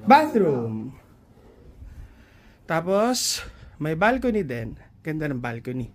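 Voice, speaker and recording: Unhurried chatty woman vlogger. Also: sits low, very animated. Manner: chatty, exclaiming tour guide. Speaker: family vlogger. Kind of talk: casual walk-through vlog. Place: beach resort house, indoors and out.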